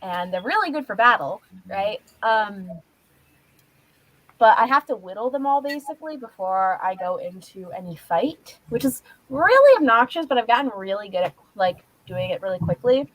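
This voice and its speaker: A woman's voice: mid-range voice, very animated, normal speed, fairly bright tone, dry recording, rough recording. A woman cosplayer answering questions in character on a livestream, rambling with lots of fillers and hesitations. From Australia.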